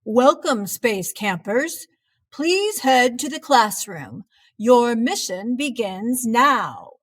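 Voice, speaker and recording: A woman voicing a formal camp announcer in a storybook, slow and drawn out. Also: fairly high pitch, big pitch swings, fairly bright tone, no room sound, heavily acted.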